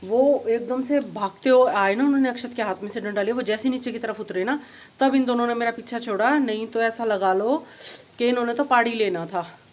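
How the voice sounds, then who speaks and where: Middle-aged woman vlogger, slightly high voice, chatty storyteller on a phone mic. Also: fairly quick. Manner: chatty storytelling, grows excited retelling events. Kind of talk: casual vlog chat.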